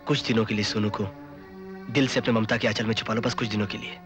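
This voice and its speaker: A man's voice: on the low side, brisk, music in the background, lightly acted. An actor playing an earnest, devoted young man who speaks in a sincere, pleading way.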